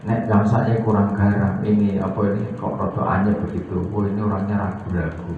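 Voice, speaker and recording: Animated Javanese-accented pastor in echoey church. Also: male voice, fairly low pitch, a little fast, phone-quality sound. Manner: animated, teasing, quizzes the congregation, acts out little scenes. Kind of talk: sermon. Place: church hall.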